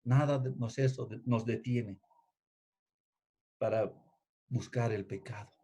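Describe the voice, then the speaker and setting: A man preaching a sermon, emphatic, repeating key phrases and swinging between loud and hushed delivery. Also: medium pitch, slow, husky. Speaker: pastor.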